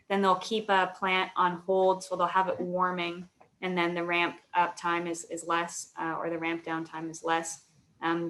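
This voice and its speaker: A woman's voice: lowish voice, a bit bright. A woman answering questions as an alumna guest in a webinar, explaining at length with frequent fillers over a video call.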